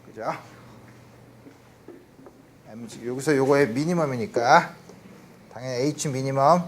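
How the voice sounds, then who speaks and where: A man's voice: mid-range voice, a little hiss or hum. A male physics lecturer talking through problems step by step at a university lecture and checking in with the class. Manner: explains step by step, often asking "그죠?" and mixing in English physics terms.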